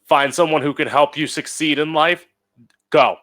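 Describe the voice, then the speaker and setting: A man hosting an opinion show as a campy drag queen, blunt and opinionated, with drawn-out emphatic phrasing. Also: a little high, fairly even intonation, fairly bright tone. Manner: blunt, opinionated, swears freely. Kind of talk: opinion monologue.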